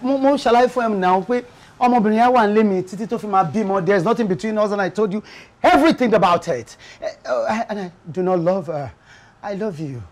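A man's voice: sits high, fast talker, close to an everyday voice. An actor with a Nigerian accent playing a young man who lectures his housemate and then pleads with his girlfriend. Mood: pleading. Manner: code-switching, bossy, then stammering and pleading. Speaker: fiancé in a domestic drama.

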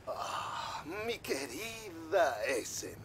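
An actor playing an unhinged, gloating game villain who talks in a taunting, theatrical way. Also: male voice, medium pitch, big pitch swings, extremely slow, a bit bright, a little hiss or hum, heavily acted. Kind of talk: video game voice acting.

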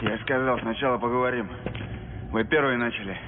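An actor playing a tough, threatening young soldier who talks in brash, confrontational street slang. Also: male voice, medium pitch, steady tone, fairly quick, a little hiss or hum, lightly acted. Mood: curt, mocking. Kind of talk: film acting. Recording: phone-like film audio with music.

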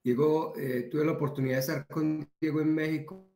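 A man's voice: fairly high pitch, fairly even intonation, brisk, warm tone. A man with a Colombian accent giving a training talk in a conversational way, repeating words for emphasis. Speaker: instructor. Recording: roomy echo.

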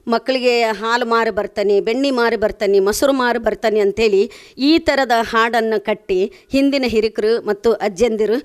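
A woman singing traditional nursery rhymes and lullabies, with short spoken introductions between them. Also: a little high. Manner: sings in a gentle lilting lullaby tune. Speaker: program participant reciting children's songs.

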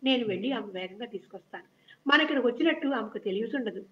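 A woman's voice: fairly high pitch, animated, fast, natural voice. A woman reading the lines of a clever, bold female painter and go-between who coaxes and scolds, in a children's story reading. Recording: dull lo-fi recording.

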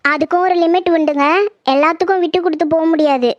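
Woman doing a sharp-tongued village wife complaining, high voice, dull dry recording. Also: steady tone, quick pace, no room sound. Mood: indignant. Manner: indignant, complaining. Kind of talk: dramatized horror audio story.

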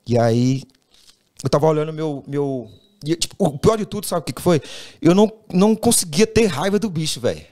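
Fast-talking man telling a story. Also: a little high. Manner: animated, acts out quoted dialogue, says "velho" constantly. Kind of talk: casual storytelling.

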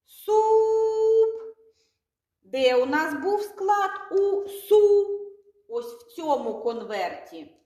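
A woman teaching a slow, sing-song speech lesson to small children, repeating each word clearly. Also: high-pitched. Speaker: kindergarten teacher. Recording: echoey room.

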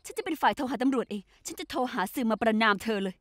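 A defiant, scheming stepdaughter in a dubbed soap opera, talking fast on a high, darting pitch. Her lines come sharp and quick. The sound is dry and close. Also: lively intonation, dry recording.

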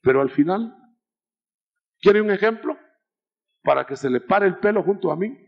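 Gravelly, dramatic male preacher. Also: high-pitched, expressive, moderate pace, dull audio. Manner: dramatic, rising to shouts and falling to murmurs. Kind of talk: sermon.

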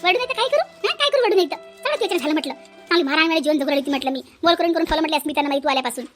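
A woman's voice: sits high, expressive, racing, faint music behind. A woman voicing a quarrelsome older mother-in-law in a cartoon, scolding and grumbling. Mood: lamenting.

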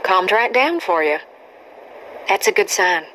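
Kindly survivor woman, medium-pitched. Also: lively intonation, a little slow, slight background noise, low-quality recording. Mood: gentle, reassuring. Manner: gentle, conversational, encouraging. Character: calm, kindly adult female survivor. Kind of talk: naturalistic video game acting. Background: background music.

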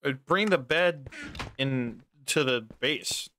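A man's voice: medium pitch, slow pace, noisy background. A young man hosting a gaming video, chatting casually, swearing often and rambling when he gets exasperated. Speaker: gaming channel host. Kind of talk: casual gameplay chat.

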